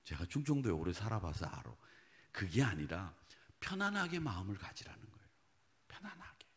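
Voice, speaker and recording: Male pastor, sermon, very expressive pitch, loud exhortations and whispered asides, asks the congregation questions. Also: a little fast. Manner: talks directly to the congregation with questions. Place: church sanctuary.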